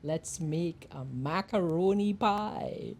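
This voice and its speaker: A woman's voice: fairly low pitch, slow pace, noisy background. An older woman, chatting and telling stories while teaching a cooking lesson, laughing often. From Trinidad. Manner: laughing, storytelling. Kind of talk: casual cooking show chat. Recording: music bed behind.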